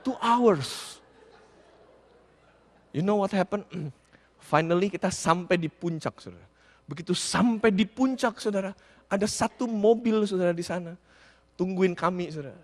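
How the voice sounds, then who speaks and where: Pastor guy preaching, high voice all over the place, funny story, echoey church. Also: measured pace, pauses often. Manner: animated, humorous, mixes in English words. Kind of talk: storytelling sermon.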